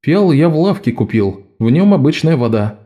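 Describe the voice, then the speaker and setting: A man voicing Locke, a wily adult male con man who talks in a wry, quiet way. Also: on the high side, sing-song, moderate pace.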